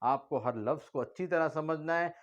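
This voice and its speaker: A man teaching Quran reading, slowly drawing out each word before quick explanations. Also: on the high side, dull audio. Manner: slow drawn-out recitation between quick explanations. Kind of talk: recorded Noorani Qaida lesson.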